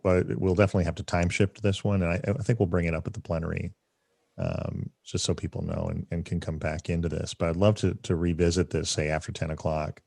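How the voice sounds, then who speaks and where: A man hosting a casual livestream discussion, rambling with many fillers and restarts, his voice deep from having just woken up. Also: vocal fry, a little mellow, no room sound. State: just woke up, deep morning voice. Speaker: summit host.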